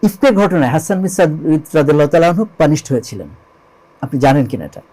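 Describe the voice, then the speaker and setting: A Bangladeshi lyricist and composer, appearing as an interview guest, tells religious history in an explanatory, storytelling way. His voice is on the high side, expressive and warm, and he talks fast. He repeats key phrases emphatically and poses rhetorical questions.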